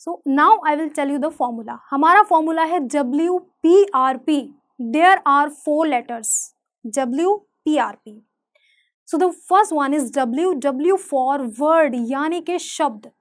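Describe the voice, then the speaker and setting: Young indian woman teaching english, high voice, draws out the english words slow. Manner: slow, stressed English words spelled out letter by letter. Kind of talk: spoken English lesson.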